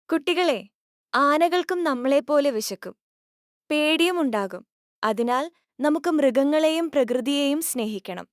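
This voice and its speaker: A woman teacher giving a scripted lesson to young children, gently asking questions and answering them. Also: sits high, no echo, clean studio sound.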